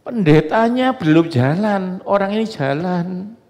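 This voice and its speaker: A male pastor preaches to his congregation, chatty and joking as he tells stories. His voice sits fairly high for a man, and it rings with the long reverb of a church hall. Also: expressive, a little slow, darkish tone, a faint crowd. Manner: conversational, joking storytelling to a congregation. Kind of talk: sermon.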